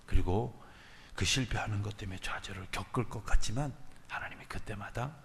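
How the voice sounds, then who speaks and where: Korean pastor preaching in a reverberant church. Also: male voice, on the low side, vocal fry, slight background noise. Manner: swings from loud exhortation to soft near-whispers. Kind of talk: sermon. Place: church sanctuary. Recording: church hall with long reverb.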